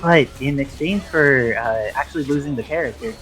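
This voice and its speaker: A man's voice: mid-range voice, normal speed, a bit bright, rough recording. Analytical male esports play-by-play caster. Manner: analytical, explains game mechanics at length. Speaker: esports commentator. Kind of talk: live play-by-play commentary.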